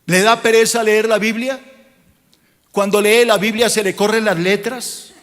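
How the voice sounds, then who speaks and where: Unhurried and with fairly even intonation, a male pastor with a high, fairly bright voice scolds his congregation in a sermon, pushing them with rhetorical questions. The long reverb sounds like a large church hall.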